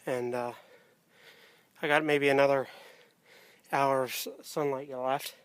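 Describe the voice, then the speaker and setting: A man narrating a hiking vlog in a casual, unscripted way, often pausing mid-thought, recorded outdoors on a handheld camera. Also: medium pitch, flat delivery, smooth, no room sound. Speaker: hiker filming a trail vlog. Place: outdoors on a wooded rocky trail near a stream. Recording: outdoor camera audio with ambient noise.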